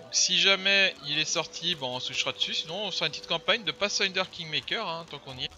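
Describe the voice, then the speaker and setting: A man's voice: a little high, quick pace, pushed and bright. A man giving casual, rambling let's play commentary. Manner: chatty, rambling, filler-heavy. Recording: dull lo-fi voice over game music.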